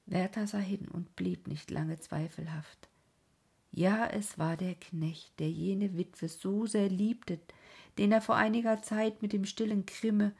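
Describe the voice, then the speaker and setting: A woman narrating a classic novel in a slow, earnest way, often sinking into a soft whisper. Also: lowish voice, gravelly, slightly rough. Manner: slow, earnest, dramatic phrasing. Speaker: audiobook narrator. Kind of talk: literary reading of a classic novel.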